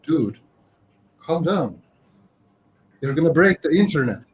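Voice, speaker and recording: A man's voice: fairly high pitch, big pitch swings, slow pace, darkish tone, slight background noise, poor audio. A man co-commentating a live game tournament with dry, wry remarks. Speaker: esports co-commentator.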